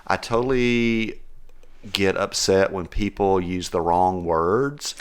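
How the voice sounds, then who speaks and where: Low-voiced man with a West Texas twang. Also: slow, clean tone. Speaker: podcast co-host. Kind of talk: casual chat.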